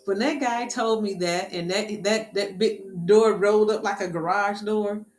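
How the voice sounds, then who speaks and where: A woman casually telling a personal story in a lively, animated way, with quick asides. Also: mid-range voice. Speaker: speaker sharing a personal story. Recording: echoey room with faint music.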